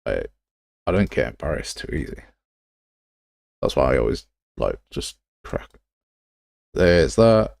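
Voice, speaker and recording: A game development livestream host with a very low, creaky, darkish voice talks casually, thinking aloud while he works in a rambling, self-deprecating way. His pitch swings hugely, he speaks a little slowly with long pauses, and the recording is close and dry.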